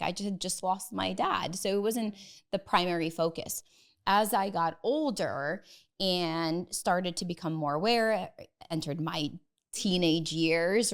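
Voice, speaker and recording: On a podcast interview, a woman in her thirties shares her personal story with earnest, filler-heavy thinking aloud; she's a dietitian and a native Russian speaker. She speaks at a fairly low pitch in a clear, resonant tone.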